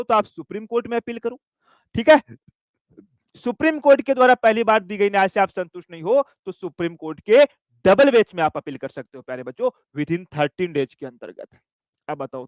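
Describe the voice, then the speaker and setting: A high-voiced male teacher lectures his exam class, weaving in a comic story and slowing down to dictate notes. The sound is close and dry, with no room echo. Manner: storytelling, calls students "dear children"; dictates notes slowly with repetition.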